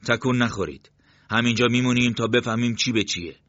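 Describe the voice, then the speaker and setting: A man voicing a young male squad leader, calm and commanding, giving urgent, clipped orders. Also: medium pitch, no echo, pitched above the performer's own voice, natural voice. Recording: dull, lo-fi dry sound.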